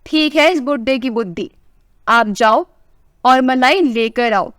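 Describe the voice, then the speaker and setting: A woman's voice: high-pitched, unhurried, a bit bright, no echo, clean studio sound. A woman voicing a playful husband in his sixties who teases and coaxes his wife in a family story. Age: 60s. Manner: teasing, coaxing.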